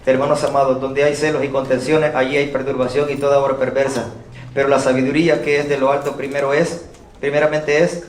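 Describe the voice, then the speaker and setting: A male pastor preaching a sermon, calling rhetorical questions out to his congregation. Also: medium pitch. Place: church sanctuary. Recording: echoey church room from far off.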